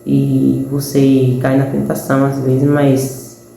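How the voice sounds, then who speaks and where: A Brazilian woman shares a personal faith testimony in an earnest, chatty way, talking straight to fellow believers. Her voice is mellow and warm. The recording sounds roomy and echoey, with a faint hum behind her. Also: rumbling low, monotone, slow pace, creaky. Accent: Brazilian Portuguese. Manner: earnest, conversational, addresses listeners as brethren.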